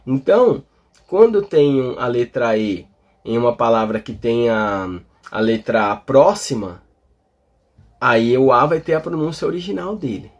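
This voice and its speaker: Husky man teaching English pronunciation. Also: medium pitch, expressive, muffled recording. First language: Portuguese. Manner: explains slowly with many fillers and tag questions. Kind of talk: explaining English pronunciation to Portuguese speakers. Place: in front of a display board.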